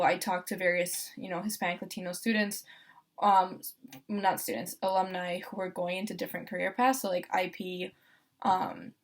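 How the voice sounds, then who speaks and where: A young woman from Costa Rica speaks in a relaxed, chatty way as a law student. Her voice carries a noticeable vocal fry, and her talk is full of fillers and quick restarts. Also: on the low side. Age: young adult. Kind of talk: casual first-person testimonial.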